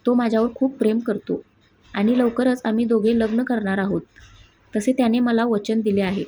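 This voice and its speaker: A woman reading the lines of a jealous, spoiled young woman who talks angrily, in a husky voice. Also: a little high, steady tone, normal speed. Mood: furious. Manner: angry, shouting.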